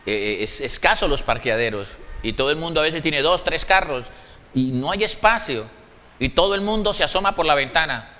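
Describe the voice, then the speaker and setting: High, bright-voiced preacher, echoey hall. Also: male voice, moderate pace. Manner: animated, acts out little dialogues with shifting tones. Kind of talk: sermon.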